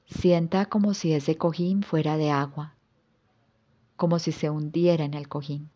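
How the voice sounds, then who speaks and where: A woman yoga instructor guiding a yoga nidra relaxation with soft, calm instructions. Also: deep voice, measured pace, dull audio.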